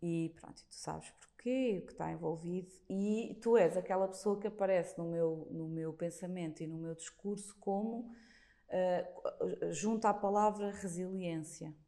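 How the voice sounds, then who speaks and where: A woman with a European Portuguese accent and a mellow, relaxed timbre. Her voice sits a little low. She talks reflectively and earnestly, offering encouragement as a guest in a personal conversation. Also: moderate pace. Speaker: podcast guest, workshop leader.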